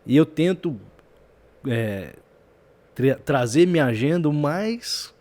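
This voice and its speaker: A man, a business owner and father, talking things over in a casual podcast conversation, reflective and halting, with many fillers. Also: on the high side, expressive, a little mellow.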